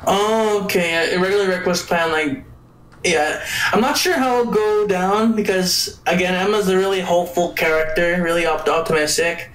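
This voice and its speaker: High-voiced man rambling in an echoey room. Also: fairly even intonation, moderate pace, a bit bright, soft background music. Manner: rambling, laughs often, many restarts. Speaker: podcast co-host. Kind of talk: casual anime review chat.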